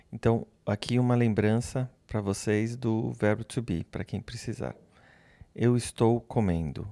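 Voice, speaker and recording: A man teaching English grammar, speaking slowly and patiently, repeating example phrases and pausing so learners can answer. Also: fairly low pitch, dark tone, no echo. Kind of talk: slow, patient classroom explanation.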